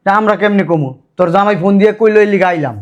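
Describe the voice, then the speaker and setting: Man, brisk scolding brother in a village drama. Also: high-pitched, lo-fi sound. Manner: loud, scolding, rustic. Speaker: brother in a family skit. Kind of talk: Bangladeshi village drama acting.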